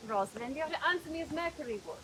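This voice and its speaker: A cheerful, spirited young noblewoman chatters in a playful, eager way. Her voice is high and animated. Clear outdoor noise runs underneath, with horses in the background. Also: rapid-fire. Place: outdoors on a farm. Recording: noisy outdoor stage recording.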